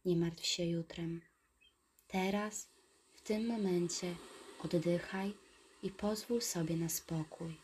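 Woman meditation guide, soft whisper, very slow and lowish, faint hiss behind. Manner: slow, soothing, calm instructions.

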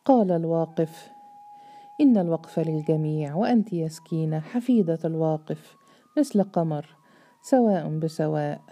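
A woman voicing a calm, kindly man who leads his household and speaks in a quiet, gentle, reassuring way. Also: deep voice, moderate pace.

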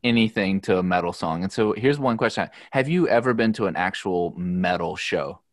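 A man's voice: deep voice, moderate pace, no room sound, clean studio sound. A man with a Southern US accent co-hosting a music podcast, explaining his views in an earnest casual chat. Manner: earnest, explanatory, interrupts to make a point. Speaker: podcast co-host.

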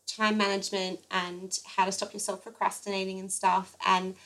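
A woman's voice: medium pitch, little pitch movement, normal speed, fairly bright tone. A young woman with a Queensland Australian accent, co-hosting a podcast in casual, chatty talk with plenty of fillers and laughter. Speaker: podcast co-host. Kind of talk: casual chat.

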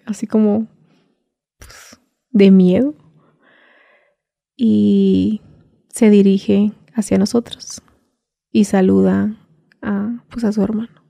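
Guest, woman, Mexican Spanish accent, dark, husky-gravelly tone, dry close sound, chatty storytelling that slips into a hush. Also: medium pitch, dry recording. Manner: retells events through quoted back-and-forth dialogue, often 'le dije'. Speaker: guest telling her story. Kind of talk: conversational first-person account.

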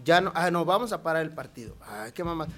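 A man's voice: fairly high pitch, animated, fast, bright, forceful tone. A man with a Mexican accent, joking crudely in a casual comedy chat and acting out quotes. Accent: Mexican Spanish. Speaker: podcast host.

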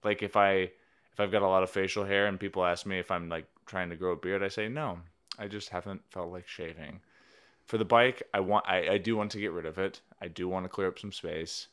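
A man's voice: sits low, fairly even intonation, fast, a bit bright, clear, resonant tone. A man co-hosting a podcast, chatting casually with his wife in a dry, self-deprecating, rambling way. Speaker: podcast co-host.

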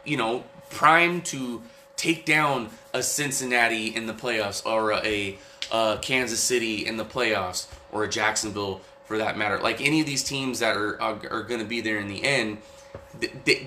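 A man talking football casually as a podcast host, halting and repeating himself, opinionated and loose with swearing. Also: medium pitch, bright, forceful tone. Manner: halting, repetitive, profane, opinionated. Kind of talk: casual football recap chat. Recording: roomy echo, faint background noise.

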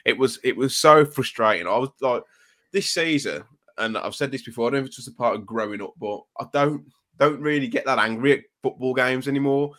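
A man's voice: medium pitch, fairly quick. A man hosting a casual football podcast, swearing and stumbling over repeated words as he vents. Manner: swearing, exasperated, repeats words when excited. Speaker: podcast host.

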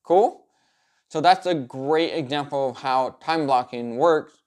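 A man's voice: a little high, measured pace, darkish tone. A man coaching viewers in an upbeat, encouraging vlog style, laying out tidy instructional points and repeating some for emphasis. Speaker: self-improvement coach presenting a video series. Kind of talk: structured advice vlog talking to viewer.

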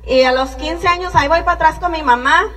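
High-voiced woman speaking in an echoing hall. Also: a bit bright. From Mexico (Jalisco and Colima). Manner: slow, earnest and encouraging, with Mexican expressions. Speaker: speaker giving a testimony. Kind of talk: personal testimony speech. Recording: far from the mic in a reverberant hall.

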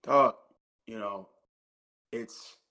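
Very slow, low-leaning and pushed and bright, this male voice comes across on a rough recording. He's a thirty-something American co-hosting a podcast, emphatic and foul-mouthed, repeating himself throughout a heated but casual exchange.

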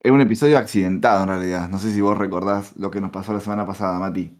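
A man with a Rioplatense accent talks in a lowish voice, teasing his co-host and cursing freely. The tone is loose, casual podcast banter. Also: fairly even intonation, rapid-fire, a little mellow. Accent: Rioplatense Spanish. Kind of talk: casual chat.

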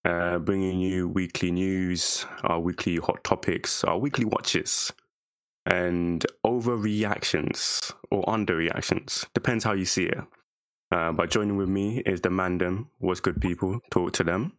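A man's voice: deep voice, steady tone, a little slow, no room sound. A man hosts a podcast. His talk is casual and laced with urban street slang, like chatting with his crew. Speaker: podcast host.

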